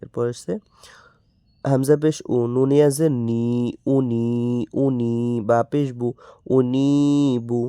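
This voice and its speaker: A Bangladeshi man teaching Quran reading, spelling out letters and vowel marks and repeating each word slowly in drills. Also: mid-range voice, fairly even intonation, mellow, clear, resonant tone, no echo. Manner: slow, drawn-out drilling with repeated syllables.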